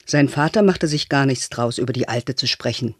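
A man calmly reading a novel aloud as narrator, in a measured way. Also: mid-range voice, husky, dry recording, clean studio sound. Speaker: audiobook reader.

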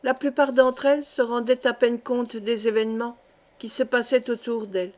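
A woman narrating a literary short story as an audiobook reader, in a measured way. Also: fairly high pitch, steady tone, darkish tone.

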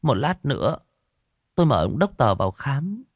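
A man voicing an anxious elderly wife who speaks softly in a pleading, worried way. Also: mid-range voice, very animated, normal speed, no room sound, studio quality, voice pushed up.

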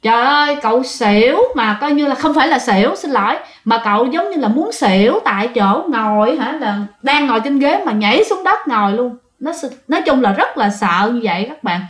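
A woman's voice: fairly high pitch, expressive, normal speed, hardly any pauses, echoey room. A woman with a Southern Vietnamese accent, telling ghost stories in a chatty way and speaking straight to her listeners. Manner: chatty, addresses listeners directly. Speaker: ghost story narrator. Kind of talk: casual spoken storytelling.

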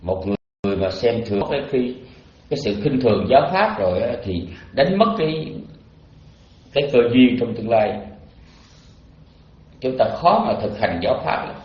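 A male Buddhist monk teaching in a didactic, halting way, with pauses and repeats, as in a dharma talk. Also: mid-range voice, very animated. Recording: dull lo-fi, echoey online audio.

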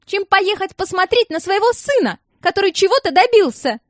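A woman putting on a shrill, scolding older auntie. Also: very animated, normal speed, no room sound, studio quality. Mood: furious. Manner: shrill, indignant, sarcastic.

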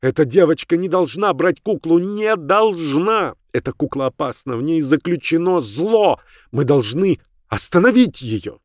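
A man's voice: mid-range voice, big pitch swings, unhurried, a little mellow, dry recording, clean studio sound. A man doing an agitated older woman. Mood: urgent. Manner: urgent, emphatic pleading. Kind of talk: audiobook character voice.

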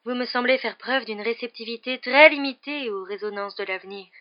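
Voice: mid-range voice, brisk, muffled recording, pitched above the performer's own voice, natural voice. A reader voicing a dramatic, mournful older woman fortune-teller in an audiobook, speaking in a theatrical, wailing manner. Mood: haughty. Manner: theatrical, wailing, breathy dread.

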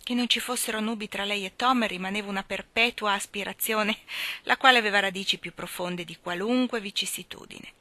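A woman reading a novel aloud in a steady, expressive way. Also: medium pitch, brisk, no room sound. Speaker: reader. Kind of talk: audiobook narration.

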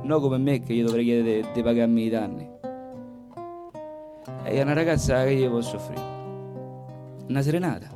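At a moderate pace with long pauses, this man speaks in a mid-range voice over plucked guitar. He's a Roman-accented stage performer and singer, telling a comic, theatrical monologue in a rhythmic, colloquial way.

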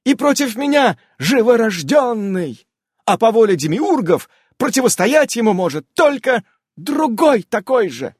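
A man reading an audiobook, voicing a haughty, quick-tempered young amazon warrior woman who shouts and scorns. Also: very high voice, very animated, slightly rough, no echo, clean studio sound, voice pushed up, heavily acted. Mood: furious. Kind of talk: audiobook character voice.

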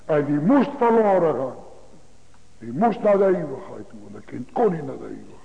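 High-voiced preacher over a tinny line. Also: male voice, very animated, moderate pace, creaky, mellow. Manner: emphatic, repetitive preaching cadence. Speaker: pastor. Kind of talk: sermon. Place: church. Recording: tinny phone-like broadcast in a large reverberant church.

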